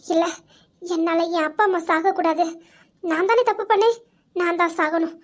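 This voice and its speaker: A woman voicing a young woman in an amateur audio drama, halting and self-blaming in her grief. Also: very high-pitched, fairly even intonation. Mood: despairing. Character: young woman, ashamed and despairing after betrayal.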